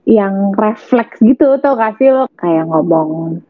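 A woman's voice: medium pitch, expressive, slow pace, no room sound. A woman in casual, slangy chat about parenting, laughing often and acting out quotes. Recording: tinny phone-line audio, dry.

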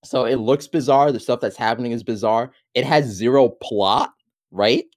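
A man's voice: mid-range voice, normal speed. Man ranting animatedly in casual chat. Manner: animated, exasperated storytelling with acted-out reactions.

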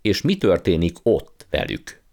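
A man's voice: deep voice, sing-song, a little mellow, voice pushed up. A man voicing an earnest young boy who protests against his uncle. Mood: indignant.

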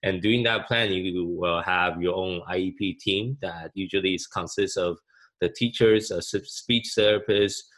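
Man, Taiwanese accent, very low voice, halting, many restarts. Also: a bit bright. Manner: halting, frequent restarts and fillers. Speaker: guest, parent. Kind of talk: casual interview answers.

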